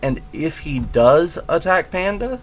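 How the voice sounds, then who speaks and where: At a measured pace and fairly high pitch, a man hosts an easygoing analysis of a match replay. He thinks out loud as he inspects the player's moves and gets excited at what turns up, despite a bout of hiccups.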